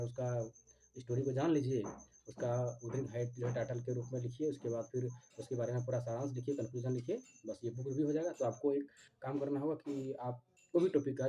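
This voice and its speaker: Man lecturing, dark voice. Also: medium pitch, a little hiss or hum. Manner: repeats key terms slowly, often adds "theek hai". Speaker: teacher. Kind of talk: exam-prep lecture mixing Hindi and English.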